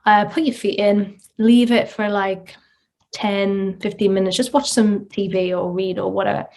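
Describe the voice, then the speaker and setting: A woman hosting a casual solo podcast, chatty with many filler ums and restarts, heard through low-quality microphone audio. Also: level tone, normal speed, a little mellow. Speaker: podcast host.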